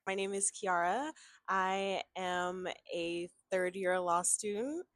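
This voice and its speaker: A woman's voice: on the low side, fairly even intonation, slow pace, fairly bright tone. A young woman from Houston, a law student answering interview questions candidly, a little weary. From Houston, Texas. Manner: candid, a bit weary, laughing.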